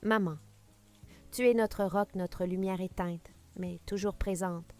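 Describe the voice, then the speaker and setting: A woman's voice: medium pitch, fairly even intonation, slow, darkish tone, soft background music, natural voice. A smarmy, hypocritical son, read by a woman storyteller speaks in a fawning, oily way. It stays close to the narrator's own plain reading voice in an audio story.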